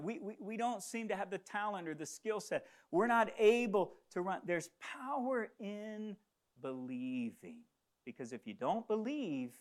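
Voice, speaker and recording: A middle-aged man who grew up in the Congo, preaching a sermon and repeating key phrases with stammered emphasis. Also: sits high.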